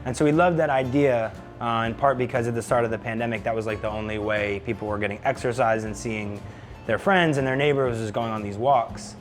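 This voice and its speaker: A man's voice: mid-range voice, a little fast, soft background music. A man from New Jersey, a restaurant co-founder, talking casually and with enthusiasm in an interview. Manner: relaxed, enthusiastic, uses fillers like "you know".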